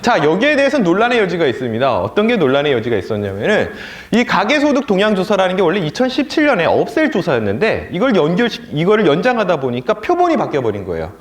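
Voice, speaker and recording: A male lecturer teaching a political education class, with a slightly high voice that swoops up and down in lively bursts. He is animated and now and then mimics opponents in a sneering tone. The sound comes from an echoey lecture room. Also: fast talker, few pauses.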